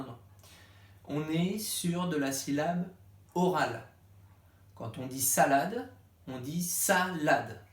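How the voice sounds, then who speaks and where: A male primary school teacher explaining a reading lesson to parents step by step, patiently acting out the questions to ask the child. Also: fairly high pitch. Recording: echoey room.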